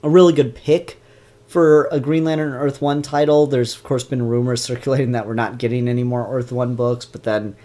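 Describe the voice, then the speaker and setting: A man hosting a casual live-stream comic review, chatty and animated, with a stuffed-up nose. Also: mid-range voice, brisk. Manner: chatty and animated, mock-grumpy asides. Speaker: comic book reviewer and YouTuber.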